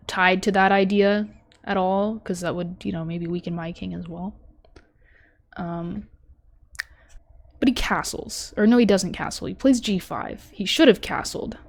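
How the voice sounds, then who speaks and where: A young woman streaming, chatting casually as she reviews her tournament chess game, thinking aloud with lots of fillers and self-deprecating asides. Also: mid-range voice. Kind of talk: casual live-stream commentary.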